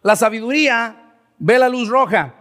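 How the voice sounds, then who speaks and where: A man's voice: very high-pitched, animated, moderate pace, a bit bright, big-room sound. A man preaching a sermon to his congregation, often checking in with "verdad?" as he teaches. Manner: keeps asking the congregation "verdad?". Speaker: pastor. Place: church sanctuary.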